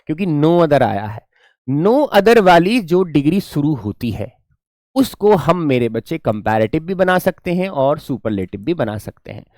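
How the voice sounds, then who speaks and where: A man teaching a grammar lesson as a tutor. He explains patiently, calls his students "beta" and "my children", and reads the English example sentences slowly. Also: fairly high pitch, a little mellow, dry recording, studio quality. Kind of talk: classroom-style grammar lesson.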